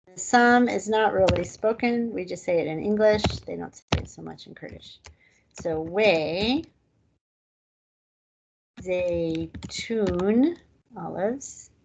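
A woman's voice: fairly low pitch, slow pace, vocal fry, noisy background. A woman teaching a language class online, patiently explaining grammar step by step.

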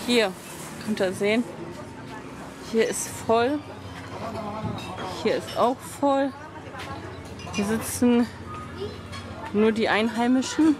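A travel vlogger in her thirties chats casually into a handheld camera held at arm's length, moving between a hotel lobby and the street, with music playing behind her. Her voice is fairly high and slow, broken by frequent pauses, and she rambles a bit, worn out by the humid heat. She keeps dropping "genau" and tagging sentences with "ne?".

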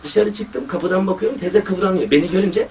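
A man's voice: sits high, fairly quick. A man, a surgeon, giving a religious talk and telling stories from his work, quoting people as he goes. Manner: storytelling, lively quoting of others. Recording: distant mic with faint background noise.

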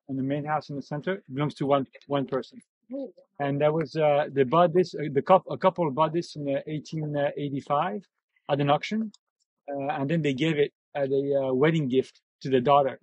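Middle-aged guy guiding a bike tour outside, lots of uhs and restarts, kinda husky. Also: a little high, a little mellow, no room sound, muffled recording. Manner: halting, many fillers and restarts. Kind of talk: casual guided explanation. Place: outdoors on a coastal road, on a bike.

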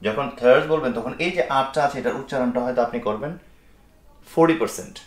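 A man's voice: medium pitch, fast talker. A man giving a spoken English pronunciation lesson, explaining step by step, spelling out letters and mixing in English phrases. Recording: roomy echo.

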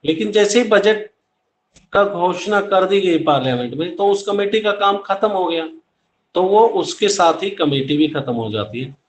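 A man's voice: sits high, lively intonation, moderate pace. A middle-aged man teaching an online class, explaining step by step, mixing English terms into Hindi and speaking straight to his students, recorded on a laptop webcam at home. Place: small room at home with plain wall, indoors. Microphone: laptop webcam at close range. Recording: echoey room with faint background hiss.

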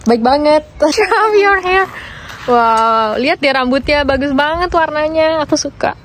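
A young woman with an Indonesian accent chats casually as a travel vlogger, talking to camera and to people she meets on the road. Her voice is high-pitched at a normal pace, with a little hiss or hum in the audio.

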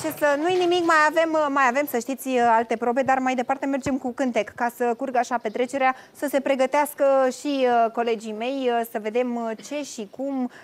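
A woman hosting a lively TV show, cheering contestants on and talking with many fillers. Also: high-pitched, few pauses, slight background noise. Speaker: TV show host.

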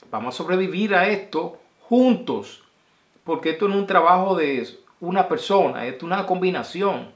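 A male vlogger talks casually and affectionately to his viewers in a video message from a small room at home, rambling and sending blessings. His voice sits on the high side with a fairly bright tone, and the recording has a roomy echo.

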